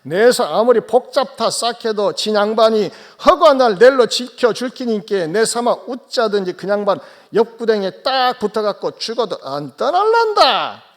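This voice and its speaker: A man's voice: high-pitched, big pitch swings, normal speed, few pauses, pitched above the performer's own voice. A man voicing a blunt, boastful countryman with a Gyeongsang dialect, punching out emphatic tag questions.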